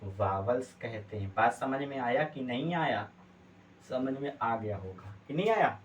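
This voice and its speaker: A man's voice: mid-range voice, animated, a little slow. Male teacher, classroom lesson, quizzes students over and over, distant mic with faint hiss. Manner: asks students repeated check questions.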